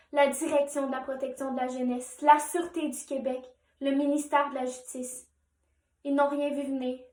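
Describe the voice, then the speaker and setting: Young woman, high voice, grave spoken-word monologue delivery in a reverberant room. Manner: solemn, addresses the listener directly. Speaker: monologue performer. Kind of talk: recited dramatic monologue.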